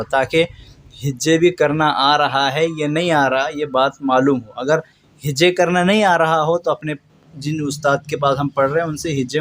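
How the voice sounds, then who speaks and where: A fairly high-voiced man leads a patient reading lesson. He stretches each word slowly in recitation, repeats it, and points out the usual errors between quicker explanations. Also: fairly bright tone, a little hiss or hum. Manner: slow drawn-out recitation of words between brisk explanations; patient, repeats and corrects common mistakes. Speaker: Quran reading teacher.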